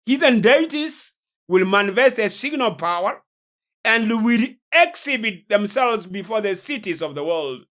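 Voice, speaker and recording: In a high voice with a fairly bright tone, a Kenyan-accented male preacher delivers a lecture that sounds like a sermon. His pace is slow and deliberate, his manner solemn, and he leans hard on certain words for emphasis.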